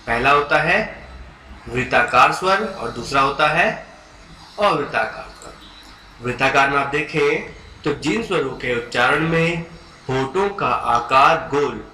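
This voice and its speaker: A man's voice: on the high side, sharp tone. A man teaching Hindi grammar in an exam-prep lecture, explaining patiently, repeating key terms and sounding out vowels for students. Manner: explains slowly, repeats terms and checks with "ठीक है". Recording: echoey room with faint background noise.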